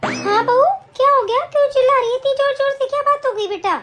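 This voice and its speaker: Put-upon old mother-in-law, high and plaintive, grumbling under her breath, a woman playing her. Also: quick pace, fairly bright tone. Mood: placating. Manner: pleading, complaining to herself. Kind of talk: amateur family drama acting.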